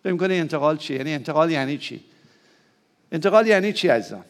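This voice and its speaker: A man with a Persian accent, preaching a sermon to his church. He keeps asking the congregation questions and calls on them to answer aloud. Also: fairly high pitch. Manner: rises to emphatic, excited peaks. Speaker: pastor.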